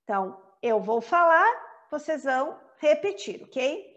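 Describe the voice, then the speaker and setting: Woman, Brazilian accent, English teacher, high voice, slow deliberate delivery. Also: expressive, fairly bright tone, dull audio. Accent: Brazilian Portuguese. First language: Portuguese. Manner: slow, carefully paced recitation; switches between English and Portuguese. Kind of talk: online English lesson.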